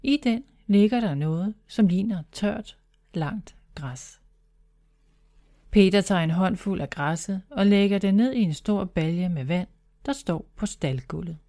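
A woman narrating a children's story in a calm, clear manner. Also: medium pitch.

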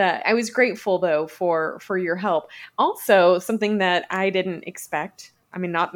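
A woman hosting a podcast, chatting casually and expressively, her voice jumping up in animated moments. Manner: animated, expressive, often leaps up in pitch. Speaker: podcast host.

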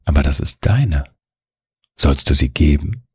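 A man slowly narrating a soothing bedtime relaxation story in the second person. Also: extremely low pitch, lively intonation, creaky, husky, no room sound, clean studio sound.

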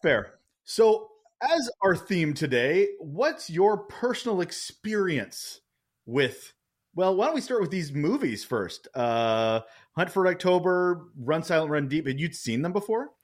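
Male co-host, bright animated delivery, playful and loose, casual podcast chat. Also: a little high, measured pace. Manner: lively, jokey, rambling with restarts. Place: Vancouver Island.

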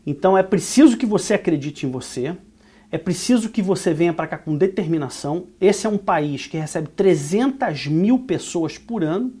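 Warm and a little breathy, this high-pitched voice belongs to a Brazilian business owner co-hosting a casual podcast. He speaks at a normal pace with lively intonation and a Brazilian Portuguese accent, earnest and encouraging, full of restarts and fillers.

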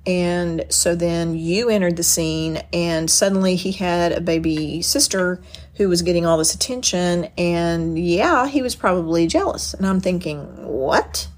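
A middle-aged woman with a fairly low-pitched voice gives an earnest teaching talk. She explains carefully and often restarts her sentences as she goes. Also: unhurried. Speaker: speaker on parenting and boundaries. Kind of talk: teaching talk with personal stories.

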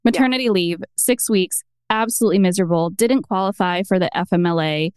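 A woman in her thirties, a podcast guest, telling her story in a chatty, animated way. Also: medium pitch, a little fast, clean tone, dry recording, clean studio sound. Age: 30s. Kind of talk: casual conversational interview.

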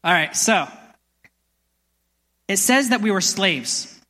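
A young man preaching a sermon as pastor, energetic and building to loud passionate peaks, in a church sanctuary. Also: high-pitched, slow. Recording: long church hall reverb.

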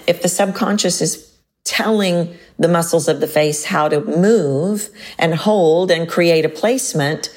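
A middle-aged voice coach with a Texan accent hosts a solo podcast. She's expressive, jumping up in pitch to stress words and slowing down on key points.

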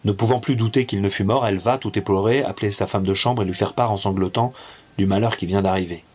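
Low-voiced man reading a tale. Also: fairly even intonation, fast talker, a little mellow, slightly rough. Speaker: narrator. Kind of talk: literary reading over music.

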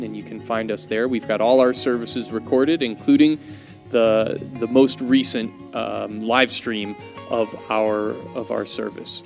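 A pastor speaks casually and warmly to podcast listeners. His voice sits at an ordinary middle pitch. A gentle guitar plays faintly behind him. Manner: relaxed, conversational, with fillers. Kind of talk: podcast introduction.

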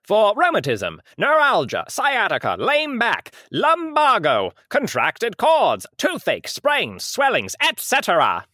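Old-time mid-Atlantic huckster announcer, put on by a host, raised pitch, dry close sound, lays it on thick. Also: wildly swooping pitch, pushed and bright, dry recording, exaggerated voice. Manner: grand, drawn-out sales pitch listing ailments.

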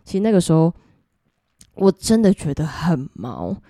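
A young woman with a Taiwanese Mandarin accent chats through a ghost story and keeps turning to her listeners. Her voice is low and mellow. The sound is dry and close. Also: huge pitch swings, moderate pace, no room sound. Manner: chatty, addresses listeners directly. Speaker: podcast host. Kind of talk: casual ghost-story telling.

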